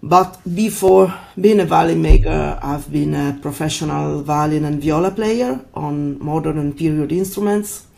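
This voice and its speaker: Creaky-voiced Italian woman. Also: deep voice, normal speed, few pauses, warm tone. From Italy. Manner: searching for words in a second language. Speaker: guest, violin maker. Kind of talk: interview answers. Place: home in the mountains.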